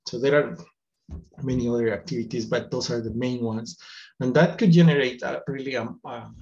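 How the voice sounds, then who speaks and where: A man in his thirties from Guatemala, a forest engineer and economist, giving a recorded talk at his desk in a measured way, with many fillers and restarts. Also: medium pitch, a little mellow, highs cut off. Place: indoors, virtual background.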